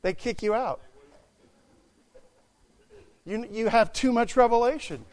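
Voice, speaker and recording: A man preaching a sermon to a church, swinging from quiet asides to loud exclamations. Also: extremely high pitch, takes it slowly.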